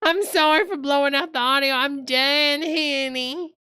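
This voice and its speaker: A woman's voice: high-pitched, a little slow. A woman hosting a comic reaction video in a sassy, campy way, calling people honey, her mic clipping and distorting. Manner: sassy, calls everyone honey and y'all. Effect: clipping, distorted mic from laughing too loud. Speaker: host reacting to video clips.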